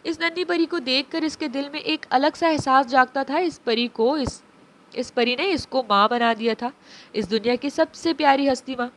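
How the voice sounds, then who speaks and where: Give me a high-pitched woman reading a novel aloud in an even, steady way. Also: normal speed. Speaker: narrator. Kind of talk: scripted novel narration.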